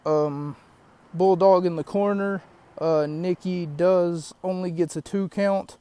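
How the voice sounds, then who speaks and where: A man's voice: high voice, fairly even intonation, takes it slowly, warm tone, clean tone. A young man hosting a solo podcast from his parked car, rambling and shaken, catching his breath between fillers. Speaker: podcast host. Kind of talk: solo podcast, wrestling recap. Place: parked car in an empty lot.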